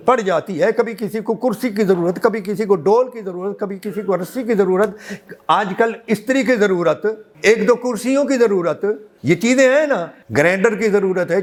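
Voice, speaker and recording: A man with a high, ringing voice delivers a fervent sermon to a congregation. He swells into emphatic exhortation, asks his listeners questions and urges them to answer aloud. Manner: impassioned, rising to emphatic exhortation; asks the audience questions and calls for replies. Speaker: Islamic preacher.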